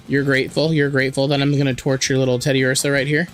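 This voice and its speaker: A man streaming a video game with a hoarse, sore throat, chatting and joking with his viewers over faint music. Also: mid-range voice, flat delivery, quick pace. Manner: chatty, joking, reads and answers chat. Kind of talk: casual live-stream chat while playing.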